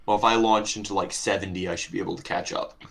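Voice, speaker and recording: A man's voice: lowish voice, steady tone, fast talker, crowd noise. A man in casual chat over an online game, dry and matter-of-fact with a teasing streak. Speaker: gamer playing online with a friend.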